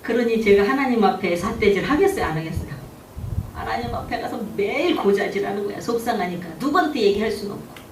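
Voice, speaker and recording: A woman pastor delivers a testimony-style sermon, her voice sitting a little high for a woman. She draws her listeners in with rhetorical questions. The recording is distant and roomy, with a faint hiss in the background. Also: expressive, quick pace. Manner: storytelling, asks rhetorical questions. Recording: echoey room, distant mic, faint background.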